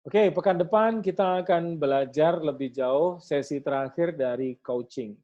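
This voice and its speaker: Animated male coach, mellow voice, dull audio. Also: a little high, unhurried. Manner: animated, acts out shouts and counts while teaching. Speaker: parenting coach. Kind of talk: online coaching class.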